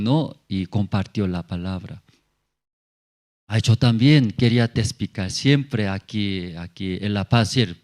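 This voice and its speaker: A man's voice: lowish voice, darkish tone. A male pastor giving a sermon testimony in simple, broken phrasing, often checking in with tag questions. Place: church in La Paz.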